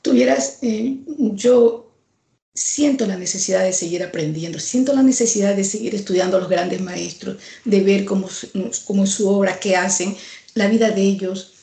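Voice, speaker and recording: A woman's voice: mid-range voice, moderate pace, vocal fry, dark tone. A woman painter answering an interview, talking earnestly and reflectively, repeating herself for emphasis. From Ecuador. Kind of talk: conversational interview. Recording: echoey room.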